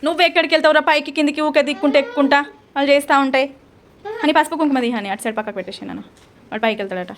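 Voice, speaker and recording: A woman, a mother coaxing and instructing her children through a clay craft in a casual home video. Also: high voice. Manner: coaxing, instructive, quick questions.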